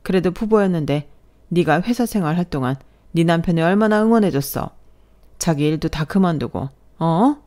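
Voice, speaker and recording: A grasping older mother-in-law, put on by a woman reading the story, scolds in a shrill, indignant voice. She wheedles and pushes for money in a spoken story narration. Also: lively intonation, normal speed, mellow, lightly acted. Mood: scolding.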